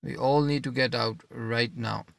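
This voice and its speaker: A man's voice: medium pitch, fairly even intonation, a little slow, vocal fry, dry recording. A man reading an audiobook voices a frightened young woman who pleads urgently.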